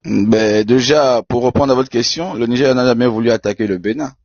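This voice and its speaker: A man from Benin speaking in an online debate, halting with many repeated words and fillers. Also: medium pitch, a little mellow, no echo. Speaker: debate participant. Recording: dull lo-fi audio.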